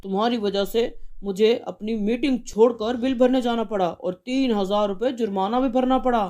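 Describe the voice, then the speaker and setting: A woman voicing a stern, angry father who scolds loudly. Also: high-pitched, moderate pace, pitched above the performer's own voice, lightly acted. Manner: loud, stern.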